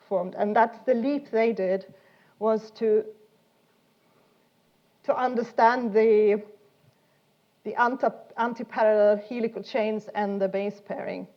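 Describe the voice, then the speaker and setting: The recording is dull-sounding, capturing a woman of medium pitch delivering a talk. Her informal science lecture is explanatory but hesitant, with frequent repeated words.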